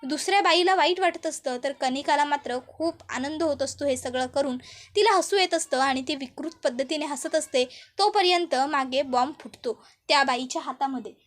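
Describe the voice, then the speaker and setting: A woman storyteller recounting a serial episode scene by scene. Her voice is high and her narration chatty and detailed. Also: normal speed.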